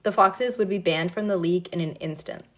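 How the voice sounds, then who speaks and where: A woman reading a novel aloud in a relaxed, casual way, now and then breaking off to comment. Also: fairly low pitch, brisk. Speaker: reader.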